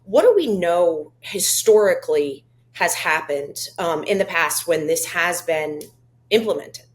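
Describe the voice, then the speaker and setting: A woman's voice: on the low side, expressive, a little slow. A woman co-hosting a political interview, asking questions in a chatty, exasperated way. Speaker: co-host.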